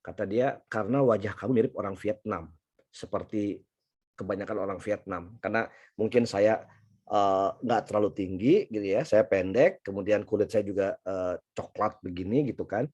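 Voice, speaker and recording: A man's voice: lowish voice, moderate pace, darkish tone, highs cut off. A middle-aged man from Indonesia giving a casual university lecture, chatty and anecdotal, with many fillers and restarts.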